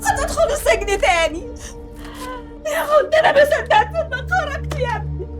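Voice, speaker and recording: A woman's voice: fairly high pitch, expressive, quick pace, faint music behind, natural voice. An actress with an Egyptian accent playing a loving mother who begs her son, just out of prison, to let go of revenge. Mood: distraught. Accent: Egyptian Arabic. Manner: pleading, tender.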